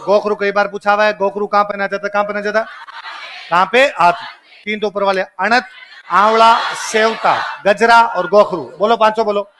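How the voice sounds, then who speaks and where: A male coaching teacher with a Rajasthani accent drills his class with rapid call-and-response lists, firing questions and repeating answers. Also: high-pitched, steady tone, crowd noise, noisy background. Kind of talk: exam coaching lecture.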